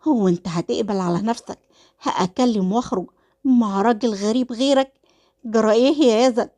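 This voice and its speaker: A woman voicing a scheming young wife with an Egyptian accent, sharp and indignant. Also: mid-range voice, moderate pace, lightly acted. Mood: angry. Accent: Egyptian Arabic.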